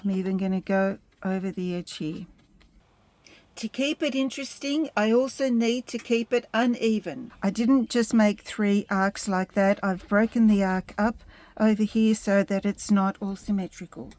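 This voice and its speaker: A woman giving a step-by-step painting tutorial in a gentle, unhurried instructing manner. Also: mid-range voice.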